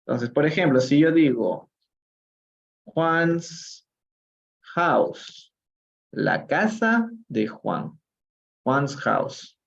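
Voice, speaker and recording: A very animated, creaky mid-range voice comes through dull audio from a streaming mic as a man with a Peruvian Spanish accent teaches English reading live. He stretches out slow model readings and asks chat viewers questions by name.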